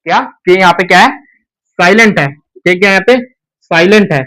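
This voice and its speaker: A young male teacher explains grammar at a board with a fairly high voice. He poses each question to the class and answers it himself, often saying a word twice for emphasis. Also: brisk, sharp tone, poor audio. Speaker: English teacher. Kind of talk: whiteboard grammar lesson.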